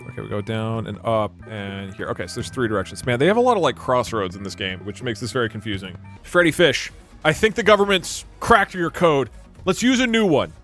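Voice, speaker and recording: A man's voice: medium pitch, expressive, brisk, a bit bright, faint music behind. A man giving casual, joking commentary while playing a game, laughing often. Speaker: streamer.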